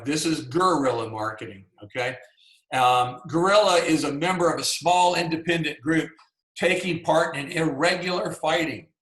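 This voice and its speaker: A man's voice: on the high side, fairly bright tone. Southern man teaching writers, roomy echo. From Georgia, US. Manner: folksy and conversational, many "you know"s. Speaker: workshop presenter.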